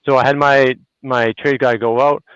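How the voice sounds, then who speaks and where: A man with a Canadian accent hosting a live landlord chat on a video call, relaxed and chatty with many fillers. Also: mid-range voice, moderate pace, clean tone, no room sound. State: a little out of breath. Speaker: host. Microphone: phone hotspot on a video call. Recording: dull lo-fi video call audio.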